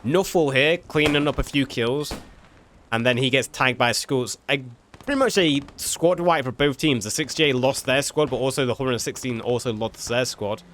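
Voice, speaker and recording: A man's voice: medium pitch, normal speed, a little hiss or hum. A man giving laid-back, chatty commentary on a multiplayer war game, swearing now and then. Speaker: gameplay commentator. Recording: loud game gunfire and vehicles behind.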